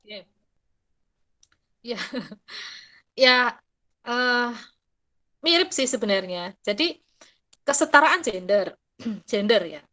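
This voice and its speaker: A middle-aged woman explaining ideas in casual talk, animated and mixing in quick acted quotes. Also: fairly high pitch. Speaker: guest speaker.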